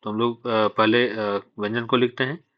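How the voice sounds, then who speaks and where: In a classroom-style shorthand lesson, a man explains patiently step by step, posing questions to himself and then answering them, mixing English terms into his Hindi. His mid-range voice is flat and at normal speed. The recording is muffled, with no room sound.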